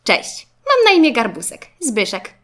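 A woman's voice: fairly high pitch, huge pitch swings, unhurried, fairly bright tone, pitched above the performer's own voice, heavily acted. A woman voicing a friendly, reassuring little boy car in a children's storybook, eager and upbeat. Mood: kind. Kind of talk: storybook reading.

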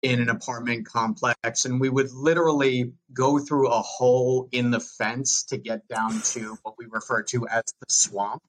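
A man's voice: mid-range voice, fairly even intonation, moderate pace, few pauses, poor audio. A man in his thirties with a Long Island accent, a podcast guest chatting casually and joking as he tells his story. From United States. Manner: chatty and jokey, with frequent restarts. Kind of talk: casual interview chat.

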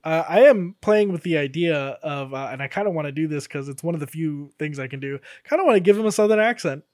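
A man's voice: a little high, animated, fast talker, darkish tone, no echo, studio quality. A man playing in a tabletop game, musing aloud about his character with frequent fillers. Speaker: player. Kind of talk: casual tabletop game chat.

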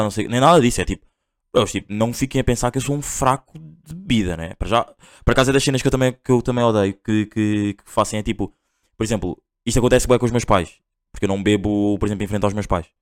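A man's voice: fairly low pitch, quick pace. A young man with a European Portuguese accent, hosting a podcast and telling a story in a rambling, slang-heavy way with lots of fillers and restarts. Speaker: podcast host. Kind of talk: casual storytelling monologue.

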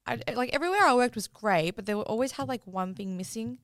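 Clear-voiced Australian woman chatting casually. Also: fairly high pitch, no room sound, clean studio sound. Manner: emphatic, informal, quick to agree. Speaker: podcast host, registered nurse injector. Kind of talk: casual co-host chat.

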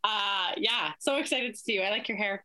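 A woman co-hosting a casual podcast, bubbly and asking lively questions. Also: mid-range voice, brisk. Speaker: podcast co-host.

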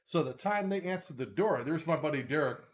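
A man's voice: fairly high pitch, animated, a little fast, lo-fi sound. A man in casual chat, telling a story with lots of swearing and a habit of adding "right?". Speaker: co-host.

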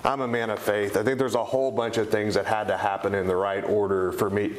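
Echoey, low-voiced man with an East Tennessee accent. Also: level tone, fast, slight background noise. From East Tennessee, United States. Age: middle-aged. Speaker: interview guest, company co-founder. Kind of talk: conversational interview answers. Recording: roomy, echoing sound.

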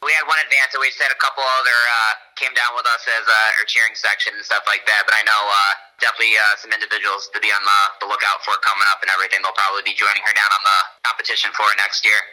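A man, a wrestling coach, talking in a relaxed interview with many "uh" fillers. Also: on the low side, very fast, hardly any pauses, poor audio. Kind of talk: casual interview.

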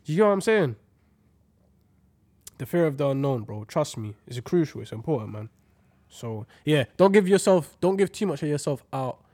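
A young man speaks in a London roadman accent, casual and full of slang. His voice sits slightly high and moves around a lot in pitch. He presses his points emphatically and repeats them, in a dry, close-sounding recording. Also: very animated, moderate pace, darkish tone, no echo.

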